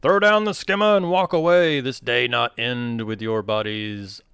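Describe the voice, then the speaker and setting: A man voicing a menacing robot villain in a tabletop game, with slow, theatrical, commanding menace. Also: mid-range voice, gravelly, fairly bright tone, clear, resonant tone, dry recording, clean studio sound, voice pushed up. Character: menacing robot villain, guerrilla follower of a warlord.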